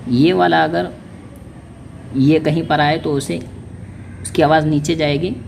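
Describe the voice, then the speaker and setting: A man gives a step-by-step reading lesson, spelling out letter sounds one at a time at an unhurried pace. His voice sits a little high, and he keeps checking that the learner is following. A faint hum of room noise runs underneath. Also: steady tone, creaky. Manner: repeats "ठीक है" to check understanding. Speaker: Urdu teacher.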